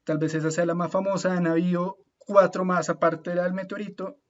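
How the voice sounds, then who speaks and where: A man's voice: high voice, level tone. Man giving a patient lesson. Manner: friendly, patient, often checks in with "¿listo?"; slows down to spell out Latin names. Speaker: speaker at an online talk. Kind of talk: informal lecture. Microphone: video call audio. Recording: muffled video call audio.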